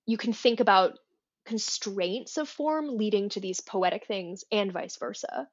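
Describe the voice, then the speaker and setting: A woman's voice: medium pitch, measured pace, breathy edge, dry recording, muffled recording. A woman co-hosting a podcast, talking through poetry in a thoughtful, hedging way with many restarts. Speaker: podcast co-host. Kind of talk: casual literary discussion.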